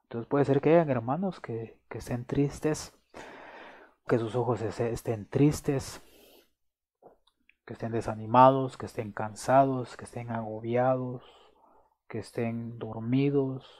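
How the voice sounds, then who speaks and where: A man delivering a sermon in a dark, mellow voice. He speaks slowly and emphatically, repeating phrases for weight. The sound is dry and close. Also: medium pitch, fairly even intonation, dry recording. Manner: prays aloud to close. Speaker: preacher.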